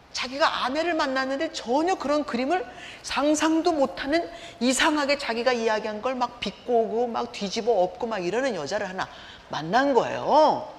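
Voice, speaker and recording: A middle-aged woman preacher giving a sermon woven with personal stories, acting out scenes as she tells them. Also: sits high. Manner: animated storyteller, acts out scenes. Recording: reverberant hall, faint background noise.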